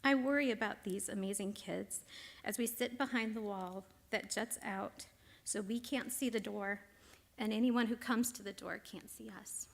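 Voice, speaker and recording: In a synagogue sanctuary, a middle-aged woman who teaches and belongs to the congregation quietly reads her personal essay aloud. Her voice is soft, medium-pitched and creaky, and her measured delivery sometimes sinks to near whispers.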